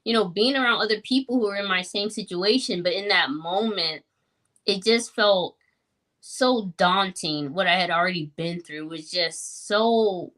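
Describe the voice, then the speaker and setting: A woman's voice: medium pitch, measured pace, fairly bright tone. Earnest woman telling a personal story. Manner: reflective, earnest, many fillers like "like" and "you know". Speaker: guest sharing her story. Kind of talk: personal testimony in podcast conversation.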